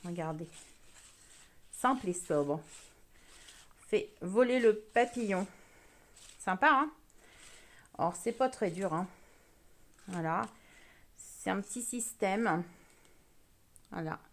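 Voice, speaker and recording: A woman with an English accent, native English speaker, giving a relaxed card-making tutorial and chatting as she works. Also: mid-range voice. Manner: chatty, slow, talks while working with hands. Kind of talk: crafting tutorial.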